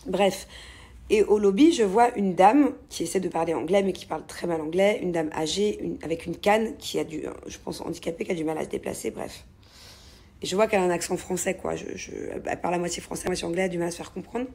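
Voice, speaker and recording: A woman's voice: lowish voice, fast talker, dark tone, breathy edge. A woman telling a story in a casual vlog, chatty and rambling with many fillers. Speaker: vlogger.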